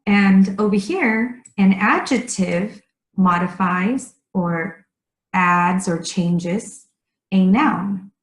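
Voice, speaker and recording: Woman, ESL teacher, very slow careful delivery, repeats key words, roomy echo. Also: medium pitch. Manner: speaks slowly and deliberately, repeating key words. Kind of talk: slow, clearly enunciated grammar lesson.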